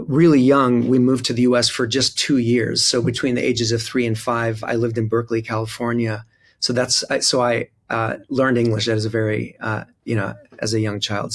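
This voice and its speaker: A man in his forties from Israel/Palestine, a priest speaking thoughtfully in an interview with frequent pauses and fillers. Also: mid-range voice, vocal fry. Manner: thoughtful, hesitant with many fillers. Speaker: Episcopal priest, guest. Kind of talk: interview conversation.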